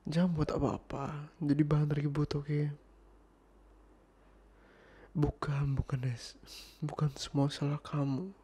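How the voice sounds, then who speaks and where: A man playing an exasperated boyfriend, mellow and flat. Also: fairly high pitch, slow pace, pauses often, slightly rough. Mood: irritated. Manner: exasperated, insistent, slipping into soft whispers. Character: irritated young boyfriend arguing with partner. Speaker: ASMR role-play host. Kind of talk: ASMR boyfriend role-play.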